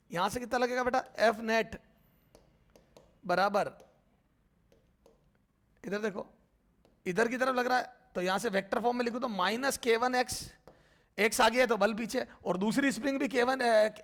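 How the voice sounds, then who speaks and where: High gravelly male physics teacher. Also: fairly bright tone. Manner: addresses students as beta, asks and answers their questions himself; repeats terms slowly while writing. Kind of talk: blackboard physics lecture.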